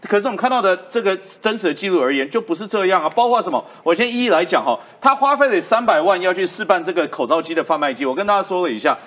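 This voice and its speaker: A woman's voice: on the low side, lively intonation, fast, few pauses. A woman with a Taiwanese accent giving live political commentary in an emphatic way, repeating her points for effect. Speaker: political commentator on a talk show.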